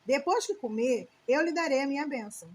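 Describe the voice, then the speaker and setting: Solemn old father figure, high voice from a woman reading it aloud. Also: lively intonation, a little fast, slight background noise.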